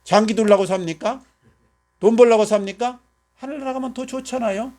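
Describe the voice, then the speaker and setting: A man's voice: very high-pitched, a little fast, warm tone. A man in his seventies, a pastor preaching a sermon, asking rhetorical questions with emphasis and telling a homespun story. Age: 70s. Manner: folksy storytelling.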